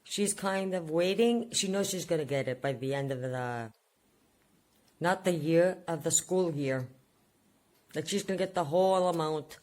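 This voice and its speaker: A woman's voice: deep voice, unhurried, darkish tone. A woman in her forties, a vlogger chatting casually at home and jumping from one subject to the next. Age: 40s. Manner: rambling, chatty, jumps between subjects. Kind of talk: casual vlog chat.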